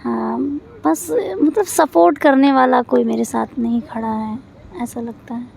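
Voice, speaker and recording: A young woman speaking in an interview, soft, heartfelt and halting as she opens up. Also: on the high side, steady tone, creaky, a little hiss or hum. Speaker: interviewee, exam aspirant. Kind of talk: emotional interview talk.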